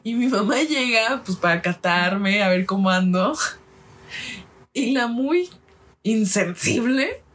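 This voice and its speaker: A woman's voice: fairly high pitch, slow. Teasing Mexican young woman. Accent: Mexican Spanish. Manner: teasing, animated storyteller. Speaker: podcast co-host. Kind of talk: casual chat.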